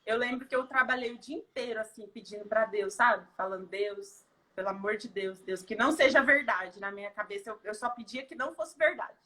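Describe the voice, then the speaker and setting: Bright-voiced woman giving a heartfelt testimony. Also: a little high, brisk. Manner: tearful, heartfelt storytelling with many fillers. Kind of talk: emotional personal testimony.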